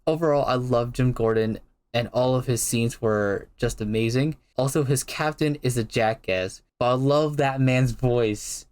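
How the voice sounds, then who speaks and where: A man co-hosts a relaxed movie review chat, walking through plot points at a mid pitch. He fills his explanations with "uh" and "like" as he goes. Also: a little slow, clear, resonant tone. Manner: explains plot points with many fillers and restarts. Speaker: co-host.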